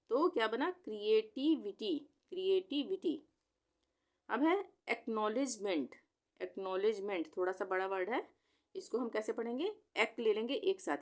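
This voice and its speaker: A woman teaching a spelling lesson, sounding out each word in careful pieces. She speaks slowly and patiently, at a middle pitch for a woman, breaking syllables apart before joining them again. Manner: slow, patient, spells letters one by one.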